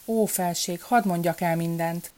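A woman's voice: on the low side, steady tone, mellow, natural voice. A woman reading a meek royal courier. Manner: deferential, pleading.

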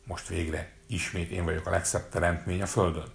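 A man's voice: sits low, level tone, creaky. A man voicing a wicked, vain queen who shrieks in rage in a storybook reading. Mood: vain, furious.

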